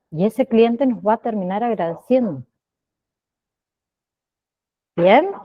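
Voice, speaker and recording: Woman teacher, slow and steady, keeps asking "¿sí?", bit muffled sound. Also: medium pitch. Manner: slow, checks in with frequent "¿sí?" and "¿bien?". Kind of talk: online class lecture.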